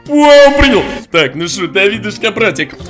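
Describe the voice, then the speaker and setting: Дразнящий молодой парень-стример. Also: male voice, high-pitched, big pitch swings, normal speed, soft background music. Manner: mocking, playful, loud exclamations. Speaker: game streamer. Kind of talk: teasing prank call while playing. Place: home streaming room. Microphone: headset.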